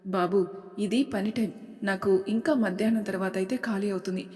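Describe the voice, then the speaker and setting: This is a weary, gentle older mother in a storybook drama, voiced by a woman narrator. Her voice sits at an ordinary middle pitch and stays soft and kindly. A long reverb trails after her words, as if she is in a large hall. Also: steady tone, normal speed, close to an everyday voice.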